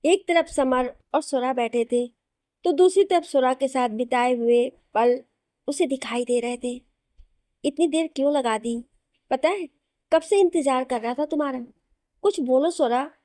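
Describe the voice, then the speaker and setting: A woman storyteller reads a romantic novel aloud and speaks each character's lines in her own voice. Her voice sits high and mellow. The recording is dry and close, with no room sound. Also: no echo.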